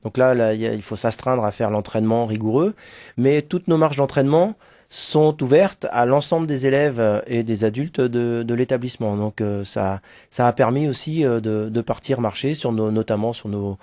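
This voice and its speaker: Un homme interviewé à la radio, qui parle spontanément en cherchant ses mots et en acquiesçant volontiers. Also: male voice, mid-range voice, normal speed, warm tone, dry recording, clean studio sound. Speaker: interview guest, school staff organising a charity walk team. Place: close dry radio microphone.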